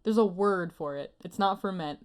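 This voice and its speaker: Co-hosting an anime review show, a woman chats casually in an expressive, playfully exasperated manner. Her voice is on the low side and she talks at a normal speed.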